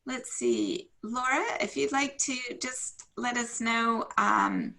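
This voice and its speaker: A woman's voice: fairly high pitch, sing-song, takes it slowly, vocal fry, pushed and bright. A woman chairing an online meeting over a video call and calling on members one by one in a friendly way. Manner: friendly, calls on people in turn.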